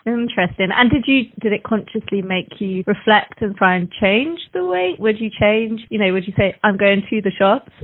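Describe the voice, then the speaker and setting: A woman from Oxford in England, hosting a casual conversation, chatty and quick to laugh. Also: mid-range voice, lively intonation. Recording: phone-line quality, dry.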